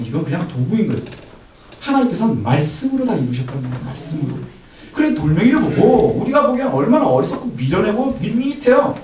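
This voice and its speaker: Animated male pastor in a booming hall. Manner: animated, acts out quotes with a raised voice; poses rhetorical questions to the congregation. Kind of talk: Sunday morning sermon. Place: church sanctuary. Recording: echoey hall from far off, faint noise.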